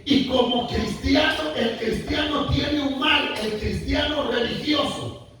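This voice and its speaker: A man preaching a sermon with impassioned, drawn-out emphatic phrases that rise to shouts, recorded in a church sanctuary. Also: extremely high pitch, over music. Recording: very echoey church hall, mic at a distance, faint noise.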